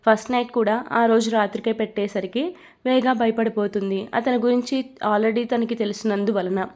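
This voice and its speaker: High-voiced woman telling a story. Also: fairly even intonation, moderate pace, darkish tone. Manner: addresses listeners directly. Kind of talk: scripted story narration.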